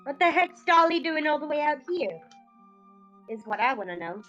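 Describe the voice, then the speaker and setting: A woman's voice: high-pitched, big pitch swings, normal speed, a bit bright, dull audio. A woman playing in a tabletop game, doing casual improvised role-play. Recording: music playing behind.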